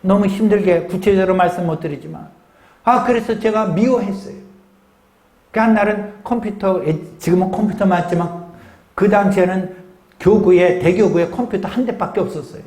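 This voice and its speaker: A man's voice: high voice, moderate pace, a little mellow, reverberant. A man pastor preaching a sermon with emphasis, often asking the congregation questions.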